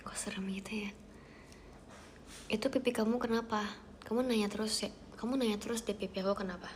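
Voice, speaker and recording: A young woman hosting a casual livestream from home, chatting with viewers, thanking them and often dropping into soft whispers. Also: mid-range voice, steady tone, fairly quick, a little hiss or hum. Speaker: idol livestream host. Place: at home, outside her bedroom.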